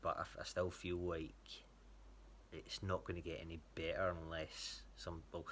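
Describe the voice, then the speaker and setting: Checking in with his coach about training, a Scottish athlete rambles hesitantly in a casual way. He has a deep, slightly bright voice with little pitch movement at normal speed, and a faint hiss or hum can be heard.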